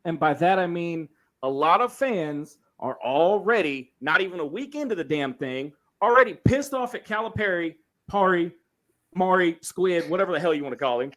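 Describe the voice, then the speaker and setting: A man's voice: high voice, animated, moderate pace, fairly bright tone. A man hosting a casual sports talk show, speaking in an opinionated, emphatic way. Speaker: sports podcast host.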